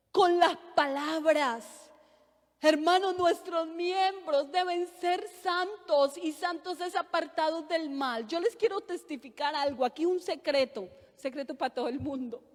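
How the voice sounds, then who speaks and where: A woman in her thirties preaching a sermon, giving an earnest personal testimony and building to fervent emphasis. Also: very high voice. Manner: earnest testimony, addresses listeners as brothers, rises to fervent emphasis. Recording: long hall reverb.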